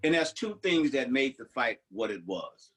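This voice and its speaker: With a medium-pitched voice that swings widely in pitch, this older man from the United States chats casually as a podcast co-host. He speaks at a moderate pace, sounding a bit bright and breathy, and keeps restarting sentences as he rambles through stories. The recording is low quality.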